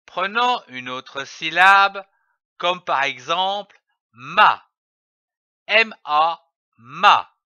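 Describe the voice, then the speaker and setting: A man teaching children to read, spelling out letters and syllables slowly and carefully. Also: fairly high pitch, pushed and bright, smooth, dry recording, lo-fi sound. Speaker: reading teacher. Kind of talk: slow syllable-by-syllable phonics lesson.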